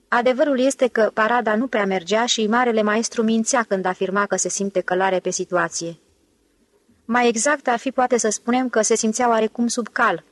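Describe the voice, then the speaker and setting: A woman's voice: fairly high pitch, no room sound. Woman reading an audiobook, dry close sound. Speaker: audiobook narrator. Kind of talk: scripted narration.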